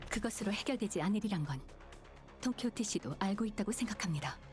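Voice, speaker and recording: A woman playing a calm, calculating, aloof intellectual in a game, formal and detached in manner. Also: medium pitch, soft background music, close to an everyday voice. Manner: measured wording, detached, formal. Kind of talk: restrained game voice acting.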